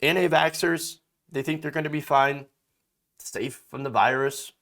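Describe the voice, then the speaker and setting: A man's voice: fairly high pitch, a little slow, vocal fry, a bit bright. A man in his thirties giving emphatic political commentary, reading out a story and reacting to it, with frequent fillers and restarts. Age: 30s.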